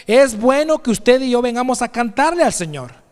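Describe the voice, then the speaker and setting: A man's voice: very high voice, expressive, moderate pace. A man preaching a sermon to his congregation in earnest, speaking to them directly and pushing his voice upward for emphasis. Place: church sanctuary. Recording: long hall reverb of a church.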